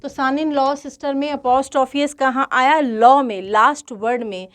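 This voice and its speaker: Slow-speaking woman teaching grammar. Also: high-pitched, fairly even intonation, fairly bright tone. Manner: slow, deliberate, repeats key points and asks rhetorical questions. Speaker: English grammar tutor. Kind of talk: grammar lesson mixing Hindi and English.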